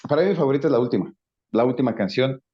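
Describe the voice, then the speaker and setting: Man, hesitant panelist, mellow tone, dull lo-fi mic. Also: mid-range voice, expressive. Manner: hesitant, halting. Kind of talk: casual panel chat.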